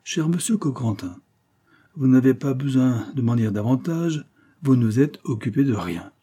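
A man's voice: medium pitch, lively intonation, normal speed, dark tone, slightly rough, voice pushed up. A man reading an audiobook, voicing a scheming, seductive adventuress who coaxes and wheedles. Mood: coaxing. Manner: coaxing, wheedling.

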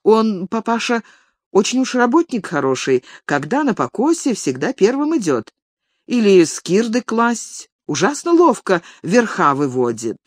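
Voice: medium pitch, sing-song, a little slow, no echo, clean studio sound, pitched above the performer's own voice. A reader voicing a timid young son who speaks shyly to his father in an audiobook story.

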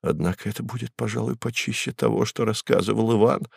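A man voicing a weary, gentle male writer who speaks softly and hesitantly. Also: on the low side, unhurried, creaky, no echo, clean studio sound. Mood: hushed. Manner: soft, hushed, hesitant.

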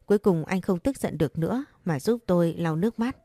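A woman narrating a first-person romance story in a steady, reflective way. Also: fairly low pitch, a little fast, no room sound.

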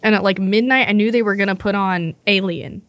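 A young woman co-hosting a casual podcast chat, telling animated stories and laughing often. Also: mid-range voice, fairly quick, no echo. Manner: lively storyteller, laughs often, acts out quotes. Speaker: podcast co-host.

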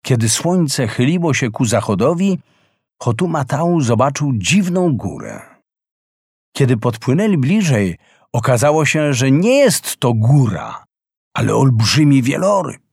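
Slow, calm male storybook narrator. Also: medium pitch, gravelly, slightly rough, no room sound, clean studio sound.

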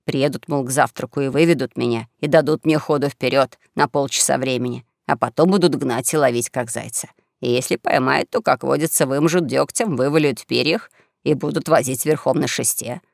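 A man voicing a gruff, hot-tempered bald old swindling preacher who grumbles and curses readily. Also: mid-range voice, a little fast, no echo, studio quality, voice pushed down, lightly acted. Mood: boastful.

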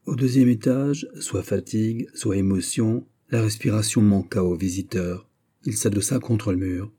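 A man reading a classic novel aloud in steady, measured narration. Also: lowish voice, husky. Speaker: audiobook reader. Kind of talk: scripted narration.

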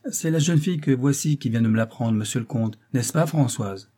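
A gossipy, obsequious village agent delivers bad news with fawning gravity. A man performs him with a husky, mellow voice, lifted in pitch. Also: fairly quick, lightly acted. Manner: fawning, mock-philosophical.

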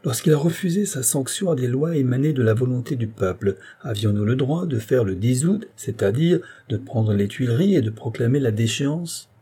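A man's voice: mid-range voice, expressive, moderate pace, hardly any pauses, mellow, husky. A man voicing a blunt, vehement revolutionary countryman who argues with rising insistence, pressing question after question. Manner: heated, insistent, hammering rhetorical questions.

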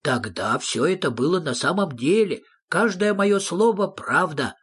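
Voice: medium pitch, expressive, a little slow, a bit bright, husky, pitched above the performer's own voice. A reader voicing a proud, boastful old father troll who sounds slightly defensive about his stories, in an audiobook. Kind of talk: audiobook reading.

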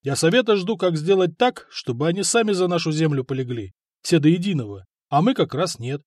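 A man's voice: on the high side, lively intonation, a little fast, a little mellow, dry recording, studio quality. A man voicing an exasperated, sardonic young prince.

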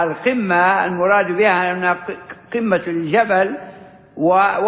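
High-voiced sheikh in an echoey hall. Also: male voice. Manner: measured, explanatory, pauses to gloss words. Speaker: sheikh teaching a classical text. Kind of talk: explanatory religious lesson. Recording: echoey hall, dull lo-fi sound.

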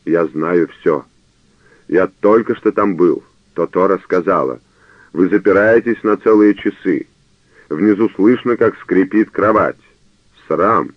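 A man voicing an old male canon who shouts and chokes with anger, on a narrow phone-like radio recording. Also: low voice, slow, dry recording. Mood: furious. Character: old male canon, furious, sputtering with rage.

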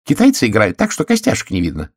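A man's voice: fairly low pitch, wildly swooping pitch, fast talker, no echo, clean studio sound, pitched above the performer's own voice. A man doing a bossy, scolding know-it-all woman. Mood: insistent. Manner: insistent, scolding. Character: sharp bossy middle-aged woman, know-it-all sister.

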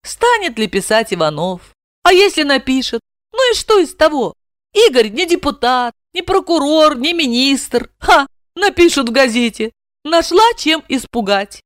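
A woman narrating a story expressively with ironic, lively asides. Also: sits high, unhurried, dry recording, studio quality.

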